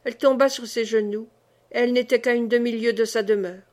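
A woman reading a historical novel aloud in slow, deliberate, dramatic narration. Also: on the high side, fairly even intonation, darkish tone. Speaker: audiobook reader.

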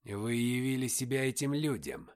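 A man voicing a menacing inhuman male being in an audiobook, speaking slowly and with a hiss. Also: mid-range voice, sing-song, darkish tone, natural voice. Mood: cold. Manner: slow, hissing, deliberate speech. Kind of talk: audiobook character voice.

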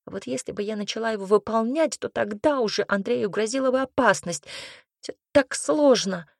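A woman with a husky voice voicing a tearful, stubborn young woman who pleads and explains herself weakly, in an audiobook. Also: on the high side, moderate pace, darkish tone, no echo, clean studio sound. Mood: troubled. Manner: weak, pleading, troubled.

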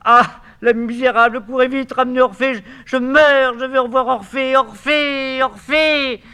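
Brief: high frantic young wife, read by an older man, pleading. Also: expressive, unhurried, fairly bright tone. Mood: panicked. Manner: pleading, frantic when crying for help. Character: young wife, frightened, later poisoned.

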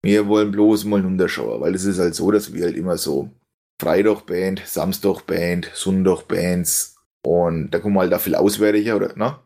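A young man, his low voice rough with gravelly fry. He tells long, rambling stories in a loose chat, stumbling over fillers and breaking into laughter. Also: normal speed, mellow. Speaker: stream host telling a story. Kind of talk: casual storytelling chat.

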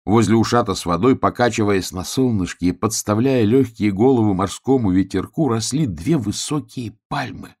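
A man narrating a children's storybook with expressive storytelling. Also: fairly low pitch, moderate pace, hardly any pauses.

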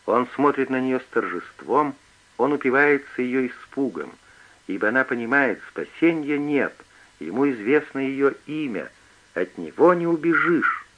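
A male narrator reading a novel aloud with lively, varied pitch and expressive delivery. The recording sounds dull and muffled. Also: moderate pace. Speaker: audiobook narrator. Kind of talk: scripted narration.

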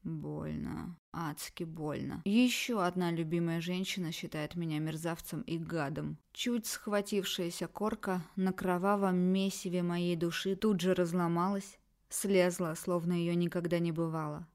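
Female audiobook narrator, low and dark-toned, brooding first-person reading. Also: steady tone, measured pace.

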